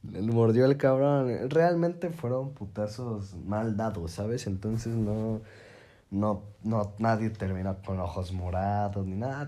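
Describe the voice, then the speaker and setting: A young man with a Mexican accent, telling a story casually with lots of slang and swearing, his pitch jumping up when excited. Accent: Mexican Spanish. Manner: slangy, profane, fillers constantly.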